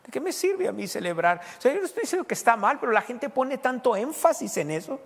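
Male pastor, high voice with gravel, animated sermon, reverberant church. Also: fast talker. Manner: animated preaching, mimics congregants' voices.

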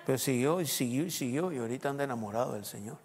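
A man preaching a loud, excitable sermon as a pastor, full of exclamations and laughter. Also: mid-range voice, very fast, a little hiss or hum. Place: church sanctuary. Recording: long hall reverb.

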